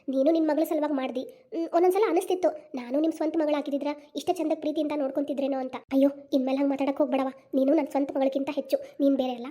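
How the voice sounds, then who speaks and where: A woman's voice: high voice, warm tone, lightly acted. A woman voicing heartfelt North Karnataka village women. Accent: North Karnataka Kannada. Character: village women of a family, emotional aunt and niece. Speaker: main voice actor of a cartoon channel. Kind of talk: cartoon family drama dubbing.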